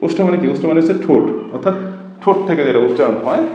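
A man's voice: fairly high pitch, lively intonation, racing, warm tone, slight background noise. Guy teaching a lesson, asks questions n answers them himself, echoey room, kinda dull lo-fi sound. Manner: asks rhetorical questions and answers them, repeats key terms. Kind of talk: classroom-style lesson.

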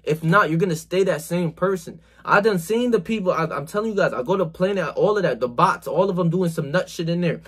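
A high, fairly bright, slightly rough male voice moves fairly quickly with few pauses. The speaker, a self-improvement vlogger in his twenties about to turn twenty-one, films an emphatic, slangy motivational rant on his phone in a small bedroom, swearing a lot, saying "bro," and gesturing constantly.

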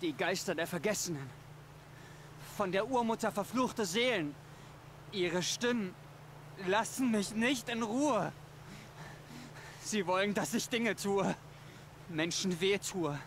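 Brief: a tormented man who hears voices, high-pitched and frantic, game dub. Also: a bit bright, slight background noise, exaggerated voice. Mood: haunted. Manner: frantic, desperate, halting. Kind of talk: video game voice acting.

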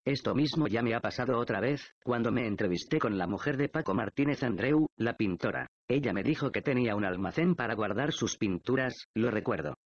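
A guy reading a detective thinking out loud, kinda lo-fi, dry sound. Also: mid-range voice, animated, a little fast, hardly any pauses, no room sound. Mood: recounting. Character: male detective, thoughtful and excitable investigator. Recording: dull, dry lo-fi audiobook recording.

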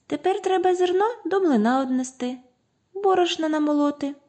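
A woman voicing two lazy, playful little mice in a children's audio tale, with high squeaky cries. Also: moderate pace, mellow, close to an everyday voice. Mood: eager.

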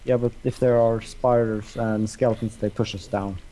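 A man's voice: on the low side, fairly even intonation, moderate pace, dark tone, poor audio. A man chatting casually while playing a game with friends on a voice call, rambling and full of hesitations. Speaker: let's play gamer. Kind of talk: casual gaming chat over a voice call.

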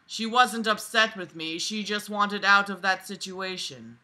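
Reading aloud a little slowly, a woman in her twenties uses a medium-pitched, bright, pushed voice. She lies on a bed in a small bedroom and mocks the reading with casual swearing and sarcastic, exasperated interruptions.

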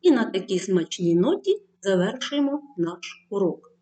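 A woman teacher giving a distance-learning lesson to schoolchildren, reading word lists clearly and addressing the pupils with tasks. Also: medium pitch, big pitch swings, unhurried, dark tone.

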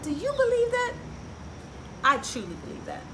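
Reading a picture book aloud for children, a middle-aged story time host speaks at normal speed in a very high voice with huge pitch swings, frequently questioning her young audience. She sits outdoors on a porch near trees, and the outdoor ambient noise is clear.

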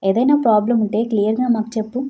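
A woman voicing a caring, firm middle-aged mother who talks in a calm, reasoning way. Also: fairly high pitch, fast, breathy edge, narrow, tinny audio.

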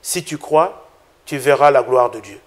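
A man reading Jesus's words aloud as a calm, solemn grown man in a scripture reading. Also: medium pitch, unhurried, natural voice.

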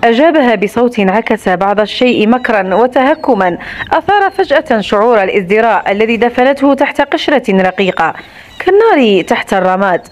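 High-voiced woman narrating a romance. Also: animated, brisk. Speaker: audiobook narrator. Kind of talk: scripted narration of a romance novel.

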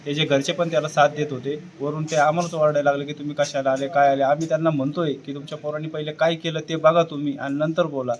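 Local man, agitated witness statement, somewhat high voice, halting and pleading. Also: level tone. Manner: agitated, pleading, hesitant with fillers. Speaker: witness speaking to reporter. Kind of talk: emotional street interview statement.

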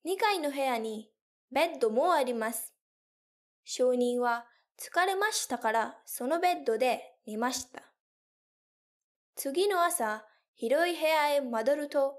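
A young woman teacher telling a story slowly and carefully for learners, with clear, deliberate phrasing. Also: sits high. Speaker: language teacher.

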